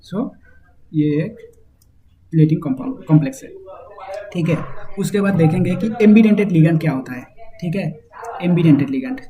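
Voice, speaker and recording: A man's voice: a little high, measured pace, pauses often, dark tone. A man teaching a chemistry lesson, explaining step by step and mixing in English terms. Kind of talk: whiteboard lecture. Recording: slightly dull audio with faint hiss.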